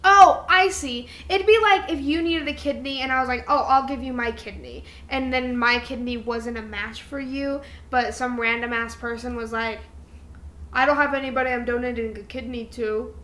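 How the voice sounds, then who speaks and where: A young woman co-hosts a podcast, chatting casually with a friend, explaining things informally and acting out quotes along the way. Her voice is on the high side, steady, fairly bright, and at normal speed, with roomy echo and faint background noise.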